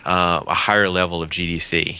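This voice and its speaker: A man who is a guest on a casual roundtable chat, talking quickly and hesitantly with lots of fillers. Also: low-pitched, flat delivery, pushed and bright, smooth. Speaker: former game producer, guest.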